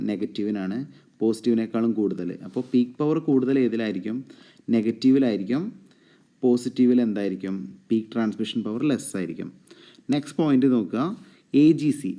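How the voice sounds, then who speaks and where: A man with a Malayali accent giving an exam-prep lecture. He asks the class questions, answers them himself, and reads English definitions out slowly. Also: mid-range voice, dark tone, echoey room. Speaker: exam coaching teacher.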